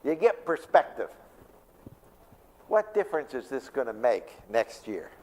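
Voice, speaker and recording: A man's voice: mid-range voice, sing-song, a little slow, darkish tone. A male pastor giving a conversational church talk on stress, often asking the audience questions. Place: church sanctuary. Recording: long reverb of a church hall.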